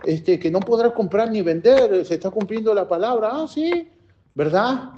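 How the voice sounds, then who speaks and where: A man preaching a sermon as pastor, impassioned and swinging between loud and soft. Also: high-pitched, moderate pace, slight background noise. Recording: dull lo-fi sound.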